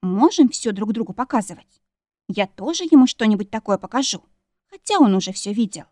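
A woman narrating an audiobook in the first person, at a middle pitch. Her reading is steady and even, in a close, dry recording with no room sound. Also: a little fast, dry recording.

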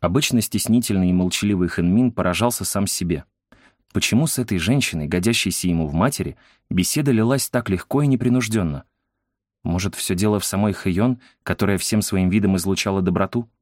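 Low-voiced male audiobook narrator. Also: brisk, darkish tone, no room sound, clean studio sound. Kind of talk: scripted narration.

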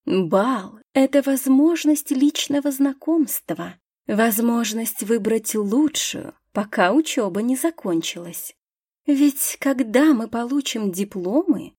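A woman's voice: fairly high pitch, dark tone, slightly rough, no echo, studio quality, exaggerated voice. A woman voicing a haughty young female aristocrat student who speaks in a mocking, condescending way.

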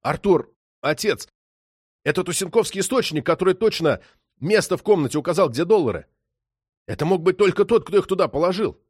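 A man reading an eager young detective who pushes his words out loud and high with urgency. The voice is raised in pitch and dry. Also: animated, measured pace, slightly rough, dry recording. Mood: urgent.

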